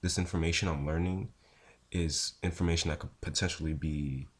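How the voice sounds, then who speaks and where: A young man talking casually to camera in a low, unhurried, low-energy voice with a husky, just-woken sound. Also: fairly even intonation. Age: young adult. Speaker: vlogger, pre-med student. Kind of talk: casual talk to camera answering viewer questions.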